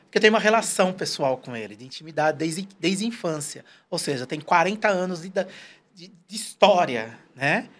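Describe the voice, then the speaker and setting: Lively, animated man telling stories. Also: fairly high pitch, a little fast. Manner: animated, storytelling, quotes people in put-on voices. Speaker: guest. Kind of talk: casual interview conversation.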